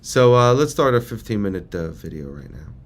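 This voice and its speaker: A man's voice: on the low side, sing-song, brisk. A man leading a training session, talking to a group in a casual, rambling, conversational way. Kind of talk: casual informal presentation to a group.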